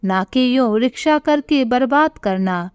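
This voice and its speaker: A woman's voice: a little high, expressive, measured pace, clear, resonant tone, no room sound, studio quality. A woman voicing a spiteful, scheming young daughter-in-law who taunts her mother-in-law in a spoken story. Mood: scolding. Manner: sharp, taunting.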